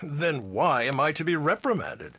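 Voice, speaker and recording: A man playing a dutiful, deferential Mountie sergeant in a 1950s-style radio drama, husky and hesitant before his superior. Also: fairly high pitch, sing-song, normal speed, pushed and bright, slight background noise. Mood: uneasy, respectful.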